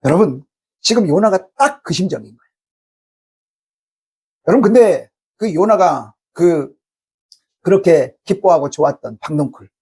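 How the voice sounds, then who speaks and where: Gravelly, husky pastor preaching emphatically. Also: male voice, a little high, animated, normal speed, long pauses, warm tone. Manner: emphatic, rhetorical questions to the congregation; acts out angry complaints to God. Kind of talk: sermon. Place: church sanctuary.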